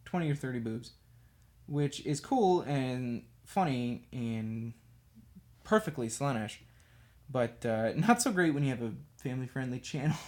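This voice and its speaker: A man's voice: mid-range voice, expressive, unhurried. Rambling man chatting while painting. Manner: rambling and chatty, self-deprecating with frequent laughs; talks absent-mindedly while working with a brush. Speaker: streamer painting miniatures. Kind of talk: casual chat while painting on a livestream.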